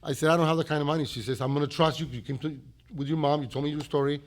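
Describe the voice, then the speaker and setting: A man's voice: on the high side, steady tone, very fast. A man from Mexico with a Mexican accent, a restaurant owner being interviewed, telling stories animatedly, acting out quotes and restarting his phrases. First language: Spanish. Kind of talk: storytelling interview.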